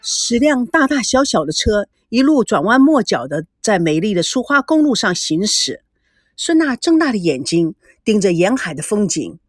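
A woman narrating an audiobook in an expressive storytelling voice. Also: mid-range voice, moderate pace, dry recording, studio quality, faint music behind.

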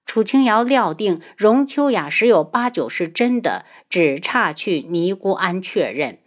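A woman narrating a novel audiobook in a smooth, even storytelling manner. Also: medium pitch, unhurried. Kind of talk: scripted narration.

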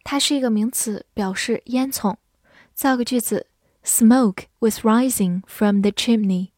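A woman teaching English vocabulary in a scripted lesson, spelling words out letter by letter and reading example sentences slowly and carefully. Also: fairly high pitch, a little mellow, dry recording, studio quality.

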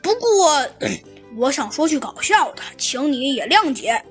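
A woman's voice: sits high, big pitch swings, a little slow. A woman voicing a boastful, chatty male school teacher in a children's story, teasing the pupil with stammered fillers over faint background music.

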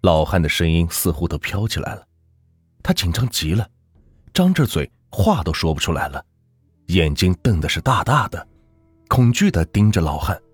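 A man narrating a folk ghost story in a husky voice, with lively, dramatic delivery. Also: low voice, normal speed, dry recording, soft background music.

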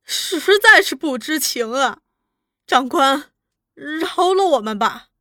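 A woman's voice: sits high, lively intonation, slow, a bit bright, dry recording, studio quality, full character voice. A woman doing a tearful begging old woman. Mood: pleading. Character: frightened pleading old peasant woman.

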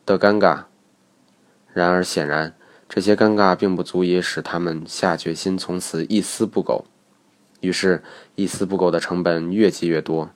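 Deep-voiced man explaining methodically. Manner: methodical, matter-of-fact explanation. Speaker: English teacher. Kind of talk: instructional lecture.

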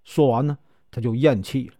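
A man's voice: medium pitch, fairly even intonation, moderate pace, mellow, no room sound, studio quality. A man, telling a classic tale in a chatty folk storytelling style, stretching out his filler particles.

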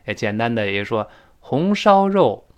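A man's voice: mid-range voice, clear, resonant tone. A man teaching spoken English in Chinese, explaining pronunciation and acting out sounds and sighs. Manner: lively, demonstrates pronunciation with drawn-out sounds. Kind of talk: spoken English lesson podcast.

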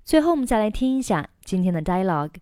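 A woman teaching English in a recorded lesson, explaining slowly and carefully and repeating key words. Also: mid-range voice, very animated, mellow, dry recording, clean studio sound, faint music behind.

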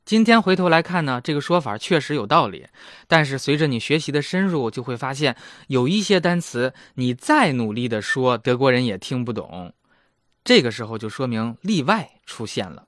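A man's voice: mid-range voice, very animated, normal speed, a bit bright, no room sound, studio quality. A man in his thirties hosting a casual language lesson, chatty and self-mocking. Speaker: German language teacher and host.

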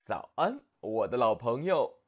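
A man voicing a small, proud, quick-witted male hedgehog in a storybook reading, in a slightly lowered, husky voice. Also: big pitch swings. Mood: friendly. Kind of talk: storybook narration.

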